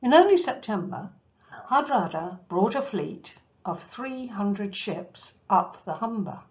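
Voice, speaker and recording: A woman giving a history lecture, telling the story in a measured way with asides to her listeners. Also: medium pitch, highs cut off. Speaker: cruise ship enrichment lecturer. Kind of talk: history lecture over slides.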